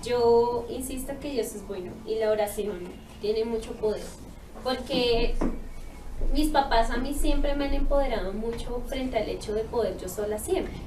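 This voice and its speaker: A woman's voice: a little high, a little slow. A woman giving a heartfelt personal testimony, telling her story earnestly and acting out the dialogue. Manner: earnest, emotional storytelling with lively quoted dialogue. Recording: echoey room, mic far off, faint noise.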